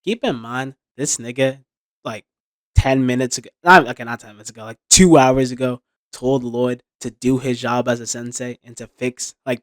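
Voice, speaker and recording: A man's voice: mid-range voice, dry recording. Young man's slangy recap, dry close sound. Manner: sarcastic, slangy, informal. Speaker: video commentator. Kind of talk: casual recap commentary.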